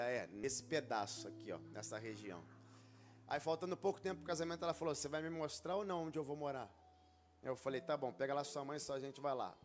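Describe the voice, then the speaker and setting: A man preaching a sermon as pastor, telling a personal story and rising into loud, fervent exhortation. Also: mid-range voice.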